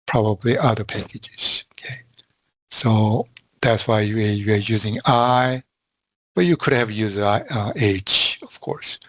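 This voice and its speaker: A man teaching a class over a video call, walking through spreadsheet formulas in a slow, halting way with frequent fillers. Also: medium pitch, no echo. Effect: heard over a video call. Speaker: instructor. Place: video call from a quiet room. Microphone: computer mic on a video call.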